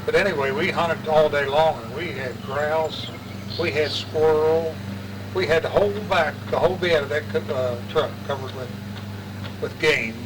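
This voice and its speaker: An older man with an Appalachian West Virginia accent shares family memories in a rambling, colloquial, folksy oral-history interview. His voice is on the high side at normal speed, recorded on a distant mic with clear outdoor traffic noise.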